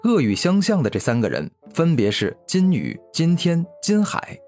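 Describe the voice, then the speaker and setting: A man narrating a fantasy web novel in an expressive storytelling manner. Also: fairly high pitch, moderate pace, soft background music. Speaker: audiobook narrator.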